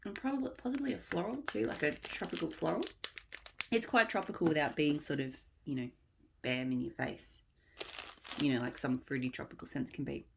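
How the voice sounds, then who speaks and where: A woman with a low, creaky voice chats fairly fast while reviewing wax melts, rambling slightly and thinking out loud, with background noise in the recording.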